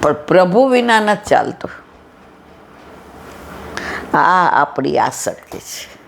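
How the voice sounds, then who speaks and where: A woman's voice: on the low side, very animated, slow pace, vocal fry, slight background noise. Woman giving a storytelling devotional talk. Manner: storytelling, acting out dialogue, rhetorical questions. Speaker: satsang speaker. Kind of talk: devotional discourse with anecdotes.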